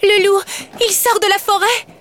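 A woman's voice: very high voice, steady tone, moderate pace, fairly bright tone, slight background noise, pitched above the performer's own voice. A woman voicing a frightened little girl who cries out in a storybook reading. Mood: frantic.

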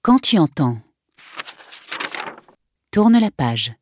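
A woman narrating a children's audiobook in a slow, expressive storytelling manner. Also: low voice, a little hiss or hum.

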